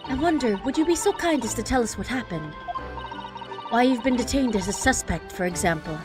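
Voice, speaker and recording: A woman's voice: fairly high pitch, animated, fairly quick, over music, voice pushed up, lightly acted. A woman voicing a courteous, unsure young male rookie lawyer in a video game. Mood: awkwardly polite. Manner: hesitant, courteous.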